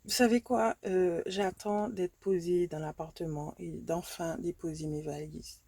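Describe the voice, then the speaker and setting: Young woman vlogger, lowish warm voice, hesitant and chatty, phone-filmed indoors. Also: steady tone, measured pace, slightly rough. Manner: chatty, frequent hesitations and repeats. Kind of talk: casual self-filmed vlog chat. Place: small apartment indoors.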